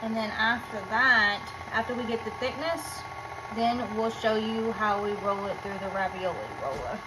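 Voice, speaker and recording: A woman's voice: a little high, normal speed. A woman giving casual, plain step-by-step cooking instructions in a kitchen. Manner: plain, explains in linked sequential steps. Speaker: cooking demonstrator. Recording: clear background noise and room ambience.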